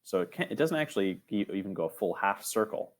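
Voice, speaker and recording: A young man with a deep, low-pitched voice leads an online robotics lesson. He talks casually, with plenty of "um"s, and keeps checking in with his students by asking "right?". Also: sing-song, fast. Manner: casual, filler-heavy, frequent "right?" checks. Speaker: teacher.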